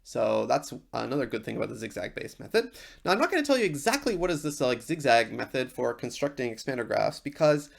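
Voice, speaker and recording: A university lecturer explains technical material informally, thinking aloud as they go. The voice sits at a middling pitch, with animated intonation and frequent vocal fry. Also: quick pace.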